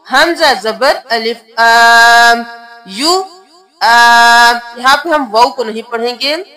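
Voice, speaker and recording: Slow, high-voiced woman teaching recitation. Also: bright, forceful tone. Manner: spells letters and vowel marks slowly, then chants the words. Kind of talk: spelling-out recitation lesson.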